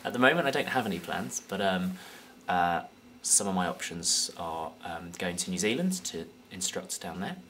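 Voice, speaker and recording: A man's voice: low voice, expressive, normal speed, hardly any pauses, fairly bright tone, a little hiss or hum. A young man from the UK with an English accent, answering interview questions with a lot of hesitation and filler. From United Kingdom. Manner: hesitant, many fillers and restarts. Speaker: guest.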